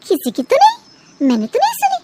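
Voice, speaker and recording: A woman doing cartoon voice acting as a daughter-in-law, animated and expressive. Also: extremely high pitch, a little fast, very noisy. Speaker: voice artist playing the daughter-in-law.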